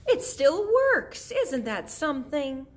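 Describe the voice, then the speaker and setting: Excitable gushing neighbor lady, very high and loud, read by a woman. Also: unhurried. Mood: excited.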